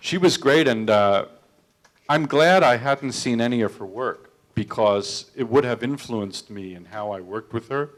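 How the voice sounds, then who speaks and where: A man's voice: mid-range voice, measured pace. Self-deprecating man telling stories. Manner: anecdotal, self-deprecating, restarts with stammered repeats. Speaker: film director. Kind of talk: storytelling talk at a public Q&A.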